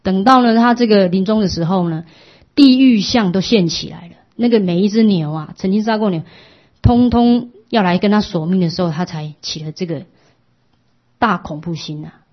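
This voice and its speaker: A woman's voice: mid-range voice, normal speed. A woman giving a Buddhist dharma talk, explaining patiently and asking rhetorical questions. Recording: dull lo-fi recording.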